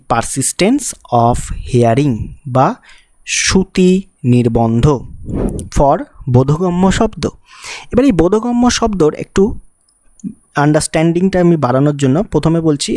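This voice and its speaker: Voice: medium pitch, a little mellow, no echo. Physics teacher explaining step by step. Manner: explains step by step, asking rhetorical questions to the student; mixes English technical terms into the talk. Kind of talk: exam-prep physics lesson.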